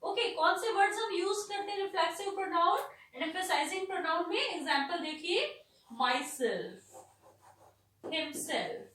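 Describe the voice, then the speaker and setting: Brief: Indian woman teacher, high lively voice, patient, slow delivery, echoey room, off-mic. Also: far from the mic. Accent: Indian English. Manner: explains slowly, repeating and spelling out examples. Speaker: English grammar teacher. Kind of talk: classroom lesson mixing Hindi and English.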